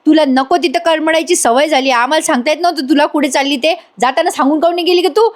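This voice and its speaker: A woman's voice: sits high, fast, voice pushed up, natural voice. A woman voicing a joking young village man who wisecracks through every scene. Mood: wisecracking.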